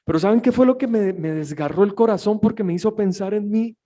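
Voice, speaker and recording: Man, pastor, sermon, raised voice, dark timbre. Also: high voice, fairly quick. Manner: emotional, shifts from hushed to shouted pleas. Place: church.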